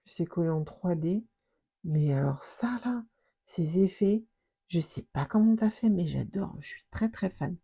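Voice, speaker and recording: A woman vlogger chatting casually as she opens packages, gushing with exclamations and sometimes dropping into soft whispers. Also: lowish voice, measured pace, vocal fry, husky. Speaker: scrapbooking vlogger. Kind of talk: casual unboxing chat.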